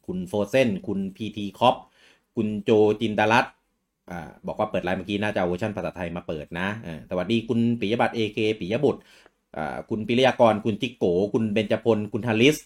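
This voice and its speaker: A man's voice: lowish voice, a little fast. A Thai man hosting a casual livestream, reading out viewer names and stumbling over the hard ones. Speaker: livestream host.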